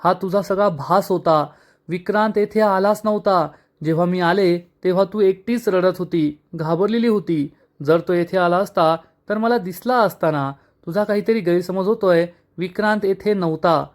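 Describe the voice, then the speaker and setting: A man voicing a resolute young woman in a serial recap, calming a frightened friend with firm, steady words. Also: high-pitched, normal speed, natural voice. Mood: soothing. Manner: firm, soothing, determined.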